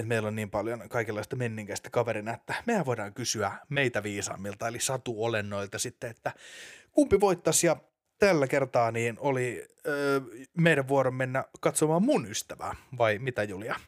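A man co-hosting a casual comedic podcast, relaxed and hesitant with fillers. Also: mid-range voice. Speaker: podcast co-host.

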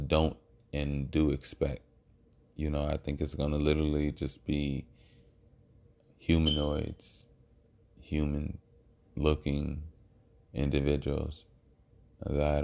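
A man giving a rambling, reflective monologue in a halting way, with trailing pauses. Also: rumbling low, gravelly, darkish tone.

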